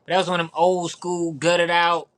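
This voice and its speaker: A man's voice: a little high, little pitch movement, moderate pace, a bit bright. A male podcast co-host in casual sports chat, talking in a rambling way with many repeats and fillers.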